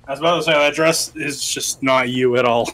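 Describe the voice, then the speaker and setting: A man's voice: medium pitch, steady tone, fairly quick, a bit bright, low-quality recording. A man playing a co-op game with friends in casual chat, teasing the others like a self-declared troll. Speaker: co-op player.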